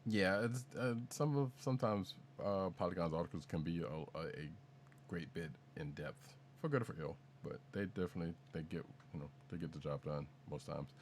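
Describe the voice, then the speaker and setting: A man with a very deep voice co-hosts a casual podcast, rambling through news items. He restarts sentences and drops jokes along the way. A faint hiss sits under the recording. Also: normal speed. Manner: rambling, self-correcting, jokey. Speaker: podcast co-host.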